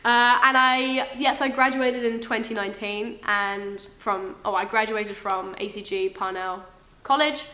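A young woman from England hosting a casual podcast chat, loud and quick to laugh at herself. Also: medium pitch, fairly even intonation, echoey room. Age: young adult. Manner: loud, laughing, self-mocking. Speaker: podcast host, engineering student.

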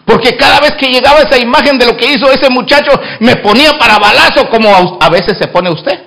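A man preaching a sermon as pastor in church, swinging from hushed asides to loud exclamations and acting out both sides of the dialogues he tells. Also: extremely high pitch, a little fast, gravelly.

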